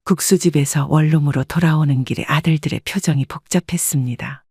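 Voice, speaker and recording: A woman reads a scripted first-person story calmly, evenly, and reflectively. Her deep voice moves briskly and has a soft, breathy edge. The recording is dry and close, with no room sound.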